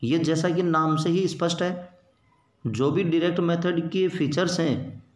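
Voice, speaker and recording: A man giving an exam-prep lecture as an English teacher, explaining in Hindi mixed with English terms and repeating points for emphasis. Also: a little high. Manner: reads English quotations slowly, then glosses them. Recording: echoey room.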